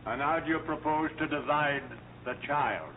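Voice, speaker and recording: A gruff, sardonic man played by an actor in a 1930s film drama, pitched a little high and bossing everyone around. The sound is a thin, phone-like old soundtrack with faint hiss. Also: lively intonation, normal speed, natural voice. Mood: pointed. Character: blustering, combative man scolding a divorcing couple.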